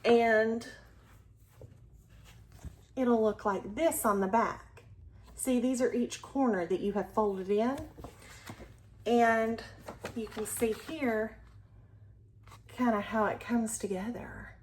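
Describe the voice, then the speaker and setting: Slow and pausing often, a woman with a slightly high voice and fairly even intonation hosts a cross-stitch channel, casually and enthusiastically showing off her projects. She is from Alabama, US, sometimes drops to a near whisper, and slight background noise can be heard.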